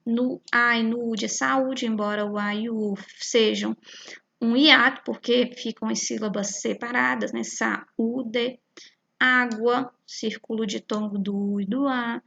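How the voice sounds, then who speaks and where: A Brazilian woman with a slightly high, gravelly voice talks a young class through a worksheet. She is patient, breaks words into syllables slowly and keeps checking in with the children. The sound is a dull, lo-fi recording. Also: fairly even intonation, a bit bright. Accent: Brazilian Portuguese. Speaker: primary school teacher.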